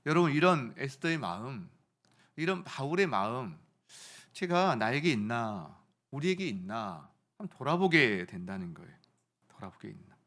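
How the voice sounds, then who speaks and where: A middle-aged man preaching a sermon as pastor, swinging from loud rising phrases to soft storytelling. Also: fairly high pitch.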